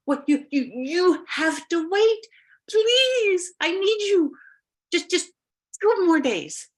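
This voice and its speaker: A woman's voice: very high voice, big pitch swings, takes it slowly, voice pushed up, exaggerated voice. A woman storyteller voicing a stressed young woman student, flustered and stammering, pleading under pressure.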